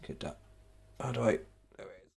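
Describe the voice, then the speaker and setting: A man reading a comic story aloud and joking around between takes, breaking into giggles. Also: normal speed. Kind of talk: casual outtakes chat. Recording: loud background noise.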